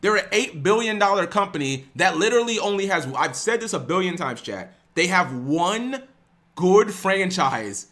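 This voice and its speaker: Give me a young man with a crisp, bright voice ranting to his stream chat. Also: sits high, very animated, moderate pace. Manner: ranting, many restarts, swears. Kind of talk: casual rant to a live chat.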